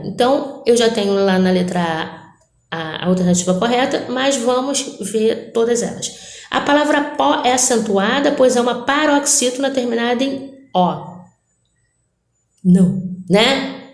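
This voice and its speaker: A woman's voice: medium pitch, a little mellow. Woman teacher with tag-question habit, echoey. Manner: explains step by step, tag questions "né" and "tá". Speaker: Portuguese language teacher. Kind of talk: recorded review lesson.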